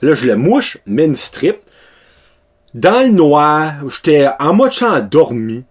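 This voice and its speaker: A man in his thirties with a Québécois French accent vlogs to his followers in a loose, slangy way, dropping English words into his French. His voice is husky, and his pitch swings widely as he talks. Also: sing-song, slow pace. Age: 30s. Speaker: vlogger. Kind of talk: casual chat to followers.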